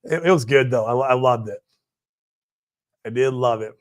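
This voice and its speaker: A man's voice: mid-range voice, normal speed. A man in his forties hosting a casual livestream, chatting in a laid-back, slangy way and peppering his talk with "man" and "dude". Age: 40s. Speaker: livestream host. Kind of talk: casual livestream chat reading viewer comments. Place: home in Puerto Rico.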